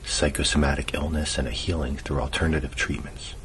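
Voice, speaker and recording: A man with a steady tone speaks fairly quickly, playing a dry, earnest cousin with a conspiratorial bent in an ASMR audio drama. His delivery is sardonic, colloquial, and explanatory, with an earnest, musing mood, captured in a noisy, low-quality amateur recording.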